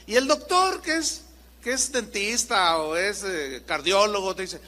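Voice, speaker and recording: A man preaching in a high, bright voice that rises and falls with great animation. He throws out rhetorical questions and slips into little acted-out exchanges. His voice rings with the long reverb of a church hall. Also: a little slow. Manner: lively, acts out little dialogues, rhetorical questions. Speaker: pastor. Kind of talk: sermon.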